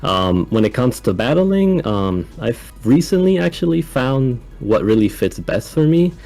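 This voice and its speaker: A young man from Ecuador, now living in the United States, talking calmly and casually as a guest in an interview. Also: mid-range voice, unhurried, creaky, faint music behind. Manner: calm, laid-back, soft-spoken with frequent laughs. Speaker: guest coach.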